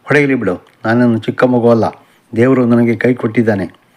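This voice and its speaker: A man's voice: medium pitch, steady tone, a little fast, a little mellow, lightly acted. A man voicing an angry, defiant young male college student in an audiobook novel, speaking in a bitter, confrontational way. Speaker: son.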